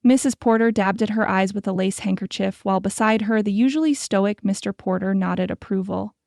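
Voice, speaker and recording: A woman narrating a historical romance audiobook in a measured, descriptive way, close to the mic. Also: medium pitch, gravelly, a little mellow, no room sound. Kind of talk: scripted narration.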